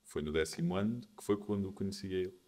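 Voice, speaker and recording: Deep-voiced young man, calm and reflective. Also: rapid-fire. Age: 20s. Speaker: podcast guest. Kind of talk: casual interview conversation.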